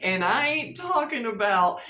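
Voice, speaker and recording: A woman hosting a tarot channel and telling a story in a lively, animated, casual way. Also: a little high, unhurried. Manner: animated storytelling with movie retelling and playful asides. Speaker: tarot reader and channel host. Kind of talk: casual tarot reading chat. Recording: echoey room, faint background noise.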